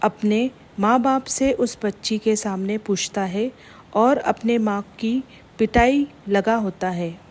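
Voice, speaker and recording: A woman reading a story aloud in a plain, steady narrating voice. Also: medium pitch, slow pace.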